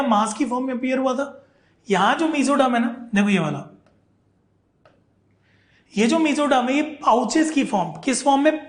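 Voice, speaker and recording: High-voiced man teaching biology. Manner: patient, repeats key terms for students. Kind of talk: online class lecture. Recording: echoey room.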